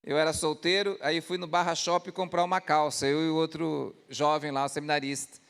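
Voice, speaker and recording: A male pastor preaching a lively storytelling sermon at a church service, often asking the congregation rhetorical questions. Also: fairly high pitch, a little fast, gravelly, clean tone.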